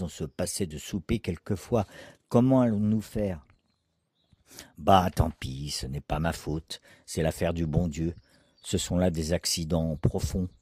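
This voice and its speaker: A man reading the part of a poor, rough, good-hearted fisherman in a dramatic poetry reading, in a gruff, earnest way. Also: sits low, dark tone, dry recording, clean studio sound.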